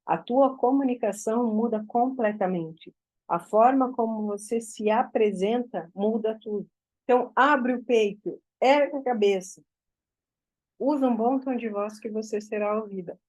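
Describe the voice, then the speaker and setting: A woman's voice: fairly high pitch, unhurried, a little mellow, poor audio. A woman mentoring a group, giving direct, instructive advice in a teaching talk.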